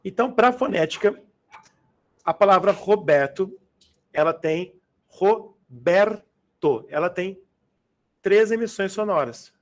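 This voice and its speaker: A man's voice: high voice, measured pace, pauses often. Casual, slangy Portuguese teacher man. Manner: casual, slangy, asks students to confirm often. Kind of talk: live exam-prep grammar class. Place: classroom. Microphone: adjustable microphone.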